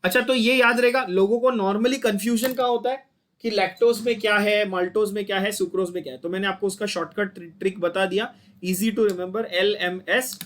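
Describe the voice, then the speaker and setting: A man's voice: high voice, steady tone, brisk, fairly bright tone, a little hiss or hum. A young Indian man teaching a chemistry lecture, coaxing his students, repeating points and asking them to say them back. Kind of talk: online lecture.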